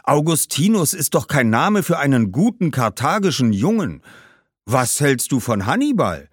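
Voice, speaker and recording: Guy doing a pompous ghost of an old warrior ancestor, slow and indignant, dry close sound. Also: mid-range voice, sing-song, breathy edge, no room sound, pitched above the performer's own voice.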